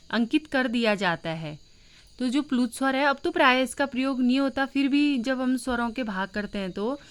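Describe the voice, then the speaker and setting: Patient female Hindi teacher, fairly high voice. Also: a bit bright, clear, resonant tone. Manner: patient, repeats points and asks checking questions; draws out vowel sounds slowly when demonstrating. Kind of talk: classroom-style Hindi grammar lesson.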